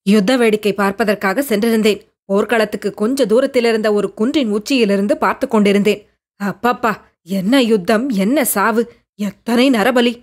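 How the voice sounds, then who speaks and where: A woman's voice: medium pitch, fairly even intonation, normal speed, pitched below the performer's own voice, lightly acted. A woman voicing a fierce, harsh-voiced female ascetic who lives in a cave, telling her tale with drama. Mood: recounting. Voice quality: harsh, hard voice.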